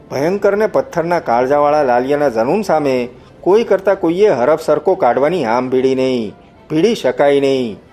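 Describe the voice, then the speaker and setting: A man's voice: a little high, a little mellow. Man narrating a dramatic adventure novel. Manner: vivid, dramatic first-person storytelling. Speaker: audiobook narrator.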